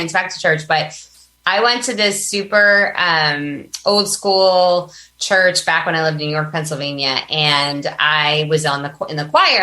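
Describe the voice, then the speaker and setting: An American business coach, appearing as a podcast guest, tells personal stories in an informal, emphatic conversational interview. Her voice is lowish, bright and forceful, and the audio is reverberant.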